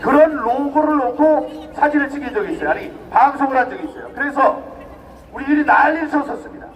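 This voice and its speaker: A man's voice: very high voice, fast. A middle-aged man giving an emphatic protest speech at an outdoor rally, firing rhetorical questions at the crowd. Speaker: rally speaker. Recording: distant mic outdoors, faint noise.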